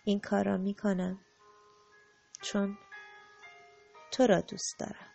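A woman voicing a gentle, loving spirit in an audiobook, speaking calmly and tenderly. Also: medium pitch, vocal fry, lo-fi sound, soft background music, lightly acted. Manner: calm, tender, unhurried, softening to a hush. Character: gentle, loving spirit who agrees to play the wrongdoer.

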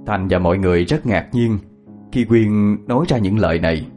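A man telling a ghost story in steady, even narration. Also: lowish voice, a little fast, soft background music.

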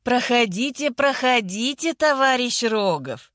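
A woman voicing a sharp-tongued older woman in a hospital bed, hoarse and sarcastic, teasing without mercy. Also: medium pitch, very animated, measured pace, no echo, clean studio sound. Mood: sugary, sly.

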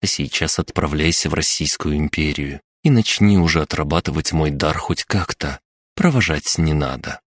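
Female death goddess, voiced by a deep-voiced male reader: calm, cool, commanding, dry close sound. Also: normal speed, dry recording.

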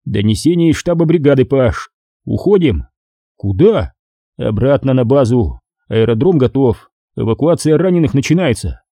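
A man's voice: medium pitch, lively intonation, normal speed, warm tone, no echo. A man voicing a firm, commanding sergeant who gives short, authoritative orders. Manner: curt, authoritative.

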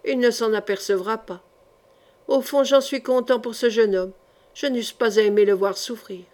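A woman's voice: on the high side, moderate pace, lightly acted. A woman giving voice to a gaunt, cold sorcerer. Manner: cold, turning to furious shouts.

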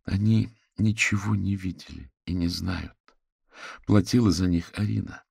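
A man voicing a calm, analytical young woman who explains things in a measured way in an audiobook. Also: low-pitched, gravelly, slightly rough, no echo, clean studio sound, pitched above the performer's own voice, full character voice. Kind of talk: audiobook character voice.

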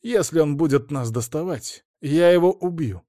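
A man's voice: medium pitch, brisk, darkish tone, no room sound, natural voice. Man reading as a protective young adult son, blunt, irritated, audiobook, dry sound.

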